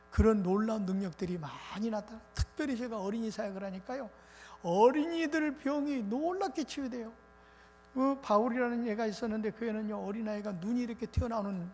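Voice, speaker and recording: A male pastor preaching a revival sermon in an animated, colloquial storytelling way. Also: sits high. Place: church sanctuary. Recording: reverberant church hall with faint noise.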